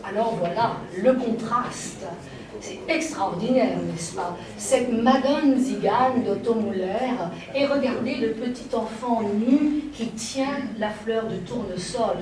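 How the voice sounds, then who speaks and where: A fairly high-pitched woman lectures on art over slides, wandering through her points and pausing to find the right word. She sounds far from the microphone, in a heavily echoing room with a faint hiss. The delivery is that of an invited art historian. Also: a crowd in the background. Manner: digressive, searching for words.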